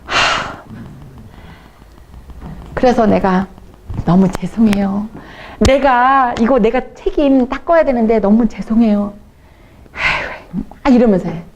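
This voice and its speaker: Woman evangelist, slightly high voice, lively testimony storyteller who acts out her quotes. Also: slow, pauses often, slight background noise. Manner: animated storytelling, acting out quoted people. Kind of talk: testimony talk at a church event.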